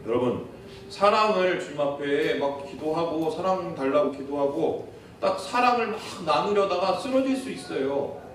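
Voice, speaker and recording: A man's voice: fairly high pitch, expressive, moderate pace. A man delivers a sermon from the pulpit, his slightly raised voice ringing through a very reverberant church hall. He sounds distant from the microphone, with a faint hiss underneath. He speaks earnestly and keeps asking his listeners questions. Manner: earnest, questions the congregation, acts out quoted prayers. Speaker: pastor. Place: church sanctuary. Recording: echoey church hall, far from the mic.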